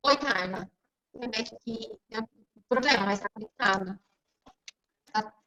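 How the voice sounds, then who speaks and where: A woman teacher giving an online class, her voice chopped up and robotic from a breaking-up internet connection, talking haltingly with many fillers. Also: fairly high pitch, bright, forceful tone, distant mic. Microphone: computer or phone on a video call. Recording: muffled lo-fi online call audio.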